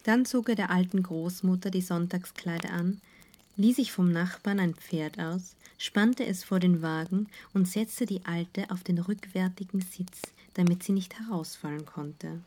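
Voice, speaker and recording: A woman's voice: lowish voice, slight background noise. Woman reading a fairy tale. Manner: calm, measured storytelling. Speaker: narrator.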